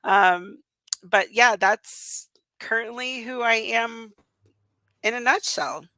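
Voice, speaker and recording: A woman whose first language was Russian founded a communications business and appears as a guest on a remote-call interview, talking casually with many fillers and restarts. Her fairly high voice is pushed and bright, and she speaks slowly. The recording has no echo.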